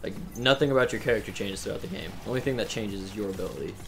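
A young man hosting a casual let's-play, excitable, laughing often and swearing casually. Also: lowish voice, racing, slight background noise. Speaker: gameplay host.

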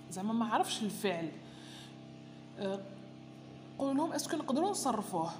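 A woman's voice: high voice, slight background noise. A woman with an Algerian Arabic accent patiently explaining a primary school worksheet to parents, reading each item aloud. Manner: patient and explanatory, reads items aloud then explains them slowly. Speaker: teacher explaining a homework sheet to parents. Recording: echoey room with long reverb.

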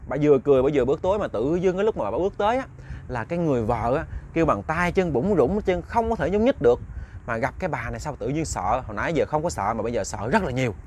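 A man's voice: medium pitch, lively intonation, fast talker, darkish tone, a little hiss or hum. A man with a Southern Vietnamese accent telling a ghost story, chatty and talking straight to his listeners. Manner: chatty, addresses listeners directly.

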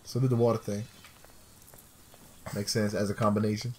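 A man's voice: fairly low pitch, little pitch movement, normal speed, a little mellow. A man giving casual, laid-back let's play commentary in short remarks. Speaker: gaming co-commentator. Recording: faint noise, game sound underneath. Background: game ambience.

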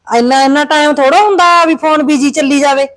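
Woman acting headman's wife, Punjabi accent, high voice, dry close sound, fretful. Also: quick pace, a bit bright, dry recording. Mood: worried. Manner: worried, complaining. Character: village headman's worried wife, dutiful woman. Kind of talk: village comedy drama.

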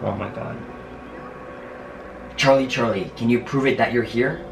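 A man's voice: mid-range voice, measured pace, gravelly, a little hiss or hum. A young adult man talking urgently and dramatically to camera as a vlogger in a small home office, with exclamations and sighs. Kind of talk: dramatic paranormal challenge vlog. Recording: home room with music behind.

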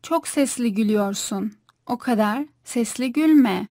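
A woman repeats short course phrases in a clear, careful reading. Her voice sits a little high. The recording is dry and close. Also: a little slow, warm tone, dry recording. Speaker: Turkish phrase reader.

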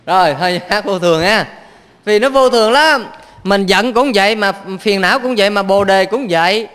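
A Buddhist monk with a Southern Vietnamese accent preaches in a high voice, chuckling as he goes. He keeps turning to his listeners with little questions. The sound carries a long hall reverb. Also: normal speed, fairly bright tone. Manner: playful, chuckling, keeps quizzing the audience. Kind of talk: sermon.

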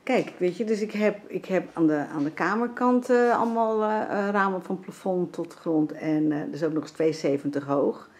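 This vlogger, an older Dutch woman, talks at a moderate pace with hardly any pauses in a fairly low, slightly mellow voice. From her home interior she casually walks through her sewing and cooking, using lots of fillers.

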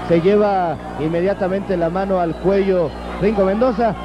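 A man's voice: sits high, steady tone, normal speed. A man giving live wrestling commentary from ringside. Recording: muffled broadcast with music behind.

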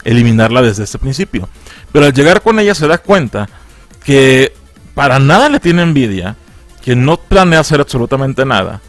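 A man's voice: medium pitch, moderate pace, no echo, faint music behind. Slangy Mexican man recapping a film. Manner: animated and slangy, acting out characters' lines in a raised voice. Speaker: film reviewer.

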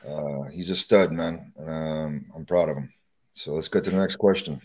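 A man with a very low, deep voice hosts a casual livestream conversation. He speaks in a relaxed, blunt way, as if chatting with an old friend. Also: normal speed. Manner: relaxed, blunt, talks about wrestling buddies. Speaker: show host.

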